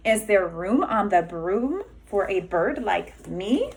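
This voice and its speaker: A woman's voice: mid-range voice, very animated, slow pace, vocal fry, husky, exaggerated voice. A woman voicing a polite female green bird in a children's storybook, making a rhyming request. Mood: polite, eager. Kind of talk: children's storybook read-aloud.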